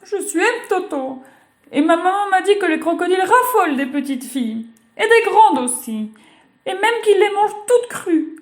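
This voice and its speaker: A woman doing a shrill frightened little girl. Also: animated, normal speed, reverberant. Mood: eager.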